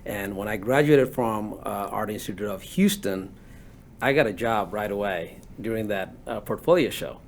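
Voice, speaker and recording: A man from Bangladesh in his forties, answering interview questions in a relaxed, rambling way with many fillers. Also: fairly low pitch, moderate pace, a little hiss or hum. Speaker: guest entrepreneur.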